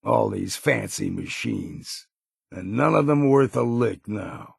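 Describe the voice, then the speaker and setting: A male actor playing a grizzled old hunter in a video game, folksy and wary, with gruff good humor and a gravelly voice. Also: on the low side, expressive, slow pace, no echo, clean studio sound, exaggerated voice. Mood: disdainful, grumbling. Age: older. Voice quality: gravelly, husky. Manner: folksy, drawling old-timer phrasing. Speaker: video game companion character. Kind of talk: scripted game voice lines.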